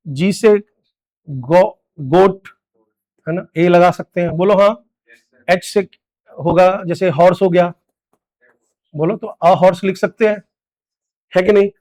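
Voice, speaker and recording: Male teacher, high voice, lecture delivery that keeps quizzing the class. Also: takes it slowly, pauses often, darkish tone. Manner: drills students with repeated questions, very high-pitched. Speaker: English grammar teacher.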